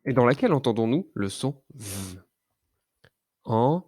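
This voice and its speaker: A man teaching a child to read, sounding out letters and syllables slowly and carefully. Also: medium pitch, animated, a little mellow, no room sound, studio quality. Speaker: reading teacher. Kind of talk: children's phonics lesson.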